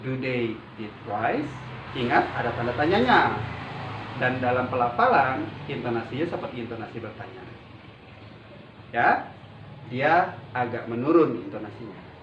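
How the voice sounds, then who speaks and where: A man's voice: medium pitch, lively intonation, normal speed, pauses often, background noise. A man teaching an English grammar lesson in a classroom, patiently drawing out example sentences. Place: classroom with a whiteboard. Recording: dull roomy sound from a distant mic.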